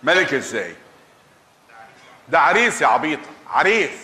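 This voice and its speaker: An actor with an Egyptian accent playing a simple retired father and flustered husband, talking in a lively, pleading way. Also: on the high side, normal speed. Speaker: stage actor. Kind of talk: live comedic stage acting. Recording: roomy live stage sound.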